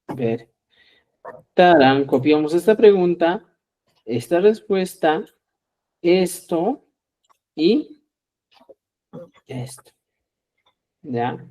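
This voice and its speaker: A middle-aged man teaching a live Quechua lesson, lively and acting out both sides of short dialogues, often checking with viewers and calling them dear friends. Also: a little high, drawn-out words, long pauses. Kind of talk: live online language lesson.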